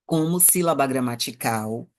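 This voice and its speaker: A woman's voice: a bass voice, lively intonation, normal speed, a little hiss or hum. A woman teacher with a Brazilian accent, explaining a lesson patiently and often checking that her students follow. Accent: Brazilian Portuguese. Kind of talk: classroom lesson on poetry.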